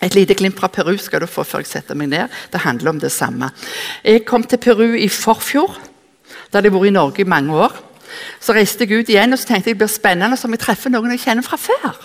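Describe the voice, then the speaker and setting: A woman giving a sermon in a church hall, telling a personal story and acting out the dialogue. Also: medium pitch. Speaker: speaker at a church service. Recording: long echoing hall reverb.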